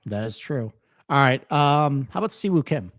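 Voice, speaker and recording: A man's voice: mid-range voice, animated, moderate pace, fairly bright tone, no room sound, studio quality. A man co-hosting a podcast in casual chat, loose and easygoing, laughing often. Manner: chatty, laughs easily, loose pacing with fillers. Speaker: podcast co-host.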